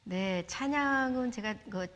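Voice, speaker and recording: A woman's voice: a little high, takes it slowly, a bit bright. A woman, a church deacon, speaking modestly and hesitantly as an interview guest in an echoey hall. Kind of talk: testimony interview.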